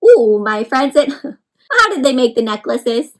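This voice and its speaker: A woman with a high-sitting voice reads a picture book aloud to children at an unhurried pace. She's animated and encouraging, speaking directly to the kids with questions and simple explanations, like a read-aloud storyteller.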